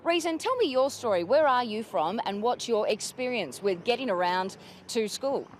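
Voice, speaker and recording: A woman presenting a news interview, introducing guests and asking clear, brisk questions. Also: fairly high pitch, animated, a little hiss or hum.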